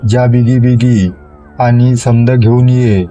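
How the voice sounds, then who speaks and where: A man playing a frightened, greedy male villager in a horror story, speaking with rough, urgent rustic speech. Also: mid-range voice, little pitch movement, takes it slowly, mellow, dull audio, a little hiss or hum, natural voice.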